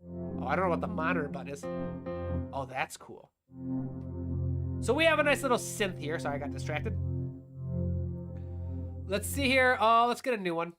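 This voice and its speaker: A woman's voice: lowish voice, very animated, normal speed, long pauses, music in the background. Woman explaining synth sounds step by step. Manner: explanatory, walks through steps as she demonstrates; asks and answers her own questions. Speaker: composer and music teacher. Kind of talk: live-streamed music production tutorial.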